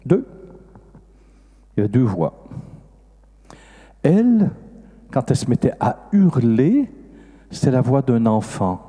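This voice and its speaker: This is an older man with a Québécois French accent, a priest telling a story from the pulpit. His voice is mellow and a little husky, and it swings widely in pitch as he acts out the dialogue. A long reverb from a big hall trails after every phrase. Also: slow, long pauses. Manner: animated, acts out dialogue with sudden rises in pitch. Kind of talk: storytelling sermon. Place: large festival hall.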